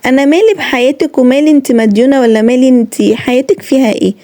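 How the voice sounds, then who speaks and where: Fast-talking high-voiced Egyptian woman. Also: warm tone. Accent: Egyptian Arabic. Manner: earnest, reproachful, lecturing listeners directly. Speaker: vlogger. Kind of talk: heartfelt talk to camera.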